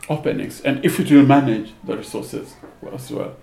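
A man giving an unscripted, thoughtful seminar answer in a hesitant, halting way, with a gravelly voice. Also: mid-range voice, dark tone. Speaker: panel speaker. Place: seminar room. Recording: roomy echo, faint background noise.

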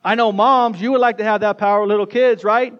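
A man with a high voice preaches a lively sermon in a church. He talks in quick bursts and calls straight out to the kids and the whole congregation. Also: dull audio. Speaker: pastor. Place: church sanctuary.

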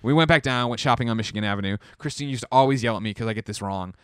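Young guy from chicago rambling thru a story, quick, jumps way up in pitch doing voices. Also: clear, resonant tone, dry recording, studio quality. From Chicago area, United States. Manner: rambling, animated, acts out quotes with big pitch jumps. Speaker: guest telling a personal story. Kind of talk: casual podcast storytelling.

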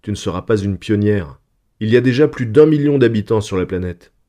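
A man's voice: fairly low pitch, animated, fairly quick, mellow, lightly acted. A man reading a hearty, confident father. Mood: reassuring. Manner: hearty, emphatic reassuring delivery. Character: cheerful, confident father reassuring his family.

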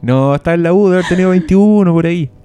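A man's voice: high voice, fast, mellow, clean tone. A man with a Chilean accent chatting casually as a podcast co-host, telling self-mocking stories full of crude slang. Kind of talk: casual chat.

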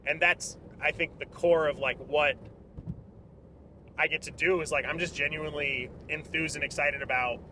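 A man's voice: on the high side, fairly even intonation, moderate pace, sharp tone. A man talking as a podcast guest in a car, enthusiastic and rambling, full of fillers. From California. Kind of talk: casual conversation. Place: inside a car. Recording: road and traffic noise.

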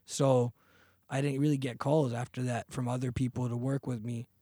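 A relaxed man in his thirties, a singer appearing as a podcast guest, tells his story in loose, slangy interview chat. His husky voice sits at an ordinary middle pitch and keeps a moderate pace. The sound is close and dry, with hardly any room around it.

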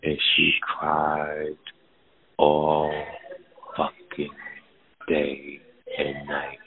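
A man in his forties with an extremely deep voice speaks as a guest in a loose podcast chat. His talk is blunt and profane, addressing the listener as "fam", and he sinks into a low murmur on painful points. The sound is thin and narrow, as if over a phone line. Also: monotone, extremely slow, husky. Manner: drops to a hushed, low murmur when telling something painful.

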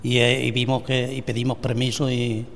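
Older man from Andalusia, folksy, halting storyteller, reverberant room. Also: medium pitch, little pitch movement, a little hiss or hum. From Andalusia, Spain (La Rambla, Córdoba). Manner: hesitant, repeats words, homely storytelling. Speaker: vice president and founding member of a brotherhood. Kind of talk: radio interview answers.

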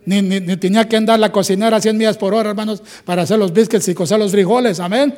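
A man's voice: high-pitched, steady tone, quick pace, a little mellow. A man from Mexico with a Mexican Spanish accent preaching a sermon, often breaking in with calls to the brethren and amens. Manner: repetitive, calls "hermanos" and "amén" often. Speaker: pastor.

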